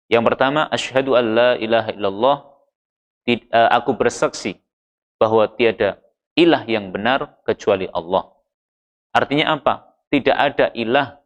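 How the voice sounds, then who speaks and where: A man giving a Ramadan sermon, reciting Arabic verses and explaining them in a measured preaching manner, lifting his voice for emphasis. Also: mid-range voice. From Indonesia. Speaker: Islamic preacher.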